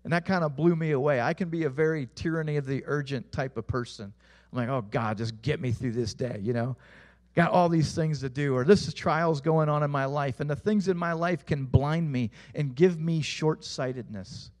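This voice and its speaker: A young adult man preaching a sermon as a pastor, earnest, putting questions to the listeners and letting his voice drop low at the ends of phrases. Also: moderate pace, darkish tone.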